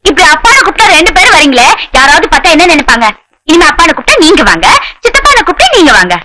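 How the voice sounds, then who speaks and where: An actress playing a naive, stubborn village bride who complains loudly and wails in a 1980s film. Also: female voice, sing-song, quick pace, exaggerated voice. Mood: bossy. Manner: shrill, wailing complaints. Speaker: new daughter-in-law. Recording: noisy old film soundtrack.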